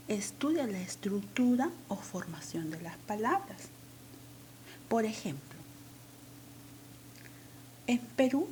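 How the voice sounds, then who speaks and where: Peruvian woman teacher, unhurried and warm-toned, patient step-by-step explainer. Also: medium pitch, slight background noise. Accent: Peruvian Spanish. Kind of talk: recorded language lesson.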